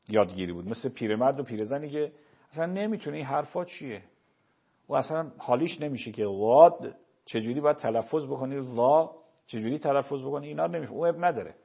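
Male cleric, husky and raspy, patient explainer, slightly muffled audio. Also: medium pitch, expressive. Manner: measured, explanatory, quotes scripture. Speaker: cleric answering religious questions. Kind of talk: explaining religious rulings on a show.

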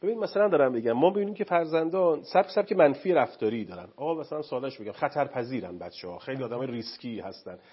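Animated, husky man lecturing. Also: mid-range voice, hardly any pauses. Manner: animated, lecturing with lists and examples. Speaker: family counseling guest expert. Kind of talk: studio talk show explanation. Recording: dull lo-fi broadcast sound.

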